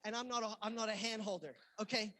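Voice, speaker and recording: A male pastor from England preaching a sermon, telling a personal story and acting out the dialogue with sudden loud bursts. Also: high voice, fast. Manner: animated storyteller who acts out quoted lines with loud outbursts. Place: church in Los Angeles.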